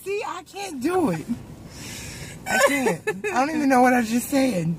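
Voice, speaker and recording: A woman's voice: high voice, very animated, moderate pace. A woman from Ohio chatting casually as a reluctant pupil and co-host on a comic vlog in a car. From Ohio, United States. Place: inside a parked car. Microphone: camera at dashboard distance. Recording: some noise, car interior.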